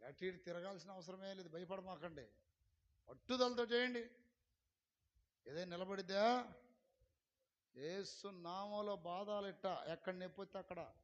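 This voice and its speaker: High-voiced man preaching with loud exhortation. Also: fairly even intonation, moderate pace, muffled recording. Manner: exhorting, fires questions at the congregation, swings from low talk to loud shouts. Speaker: pastor. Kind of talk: sermon.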